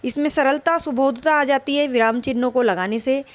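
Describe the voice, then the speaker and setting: A woman teaching a Hindi grammar lesson for an exam, slow and explanatory, repeating her points. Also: high-pitched.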